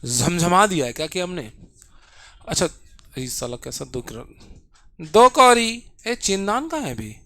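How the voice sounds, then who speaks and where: A man's voice: high voice, big pitch swings, unhurried, long pauses, bright, forceful tone. A man teaching a physics lesson in a classroom, joking with and scolding his students as he explains.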